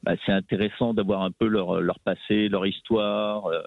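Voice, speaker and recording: A man's voice: on the low side, fairly even intonation, moderate pace, no echo, narrow, tinny audio. A man who works as a documentary journalist, speaking as a guest in a radio debate in a studio, hesitant and full of restarts. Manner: hesitant, many restarts and fillers.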